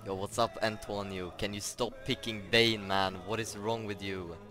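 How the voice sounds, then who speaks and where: A man's voice: on the low side, flat delivery, moderate pace. A male game streamer talking drily at a teammate while he plays, with music behind him. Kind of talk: gaming livestream talk.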